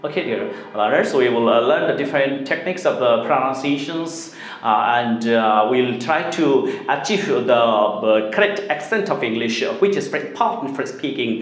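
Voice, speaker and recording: A man's voice: medium pitch, expressive, extremely slow. Man teaching English, echoey. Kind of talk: spoken English lesson. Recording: echoey room.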